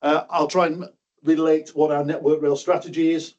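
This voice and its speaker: Presenting on railway projects at a conference in a meeting room, this middle-aged South Yorkshire engineer hesitates, pokes fun at himself, and repeats words a lot. His slightly high voice is flat and normally paced with a darkish tone, recorded far from the mic with the highs cut off.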